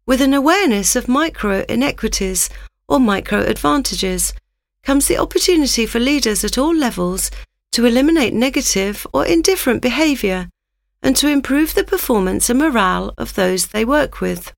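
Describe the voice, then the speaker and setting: A woman giving a scripted, instructive narration in a measured reading manner. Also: on the high side, lively intonation, gravelly, no echo, clean studio sound.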